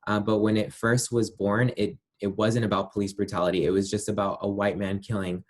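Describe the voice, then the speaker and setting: Male interview guest with a lowish voice, speaking thoughtfully and hedging his points. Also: little pitch movement, a little fast. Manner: thoughtful, hedging, many fillers and "you know". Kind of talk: casual interview answers.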